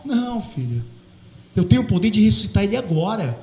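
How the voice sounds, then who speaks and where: A man voicing a calm, gentle religious teacher speaking soothingly, recorded in an echoey hall. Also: high voice, brisk. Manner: soothing, reassuring.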